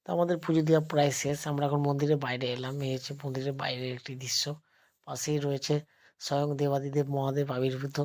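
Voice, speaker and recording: Holding his phone as he films while strolling through temple grounds, a travel vlogger from West Bengal, India narrates a casual vlog in a mid-range voice. Because his throat is sore, he keeps his delivery slow, quiet and level, with little rise and fall, treating his viewers as friends.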